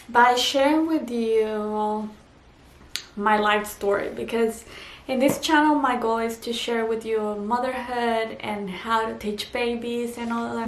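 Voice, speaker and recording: Earnest Puerto Rican woman, echoey room. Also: on the high side. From Puerto Rico. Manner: earnest, halting with fillers and restarts. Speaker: vlogger. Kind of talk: personal testimony vlog. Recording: echoey room, faint background noise.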